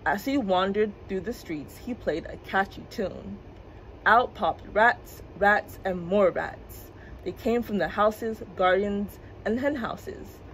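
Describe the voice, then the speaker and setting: A woman librarian reading a storybook aloud for children's story time with clear, expressive delivery. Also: medium pitch, slow pace, slight background noise, rough recording. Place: public library.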